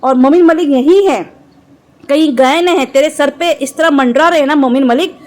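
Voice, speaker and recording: A woman's voice: sits high, moderate pace, a little mellow. A woman vlogger delivering an angry reaction commentary, scolding and mocking with insults.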